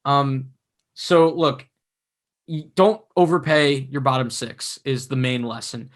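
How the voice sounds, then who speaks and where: A young man co-hosting a casual sports podcast, chatty and analytical, his voice going hoarse. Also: medium pitch, slow. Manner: chatty, analytical, self-mocking. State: losing his voice. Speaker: podcast co-host.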